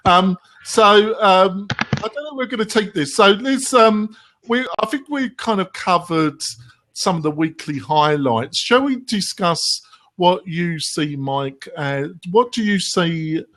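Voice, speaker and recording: A man's voice: sits high, lively intonation, unhurried, fairly bright tone. Sardonic English male host. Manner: sardonic, filler-heavy questioning. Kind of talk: casual panel discussion.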